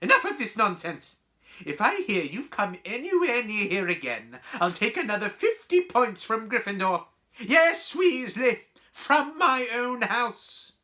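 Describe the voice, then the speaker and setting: A storybook reader voicing a stern older female schoolteacher who is brisk, emphatic and quick to anger. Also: medium pitch, big pitch swings, bright, forceful tone, pitched above the performer's own voice. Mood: furious. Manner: emphatic, clipped, authoritative.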